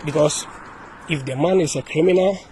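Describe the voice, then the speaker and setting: A Ghanaian-accented man records an impassioned message outdoors, hammering points home by repetition. His voice is high for a man, and faint traffic drifts in behind him. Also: moderate pace, a little mellow, poor audio. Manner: repetitive, emphatic, with many restarts. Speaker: activist speaking to camera.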